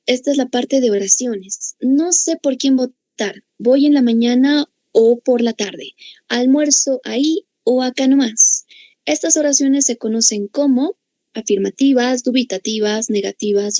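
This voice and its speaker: A woman's voice: a little high, a little slow, warm tone, dry recording, low-quality recording. Patient woman teaching grammar, Bolivian accent. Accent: Bolivian Spanish. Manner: patient, explanatory, checks in with students. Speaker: language teacher. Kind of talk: online grammar class.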